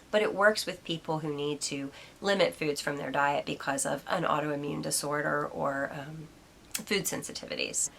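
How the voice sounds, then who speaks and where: A woman's voice: low voice, vocal fry, pushed and bright. A woman hosting a solo podcast at home, musing and reflective as she thinks aloud with plenty of ums. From United States. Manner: talks aside to her cat now and then. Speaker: podcast host. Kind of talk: casual solo podcast monologue.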